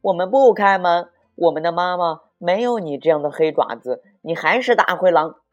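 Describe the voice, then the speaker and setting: A man voicing a group of small frightened but defiant goat kids in a children's story, calling out high and loud. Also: sing-song, normal speed, dull audio, faint music behind.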